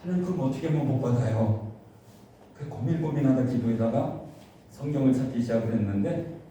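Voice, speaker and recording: A male pastor preaching a sermon in a church, animated, with his voice rising to fervent cries when he acts out prayers. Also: medium pitch, brisk. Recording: echoey church hall from far off, faint hiss.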